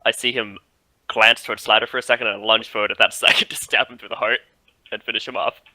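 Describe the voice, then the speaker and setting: A man playing a tabletop role-playing game, speaking in a quick, matter-of-fact way. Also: fairly low pitch, flat delivery, sharp tone, dry recording, low-quality recording. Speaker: player. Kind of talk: casual tabletop role-play chat.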